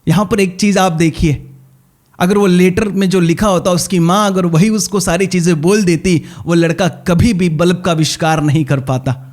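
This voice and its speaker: A man's voice: sits high, fairly even intonation, moderate pace, a little mellow. A man, a pastor, preaching an earnest sermon that repeats key phrases and tells stories. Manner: earnest preaching with repetition and storytelling.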